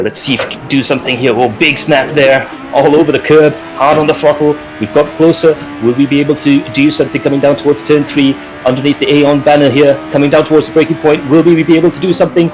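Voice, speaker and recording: Male sim racer, live play-by-play from the cockpit, excited, music bed underneath. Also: poor audio. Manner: excited, rapid play-by-play that rises in pitch at battles. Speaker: sim racing driver commentating own race. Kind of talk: live race commentary while driving.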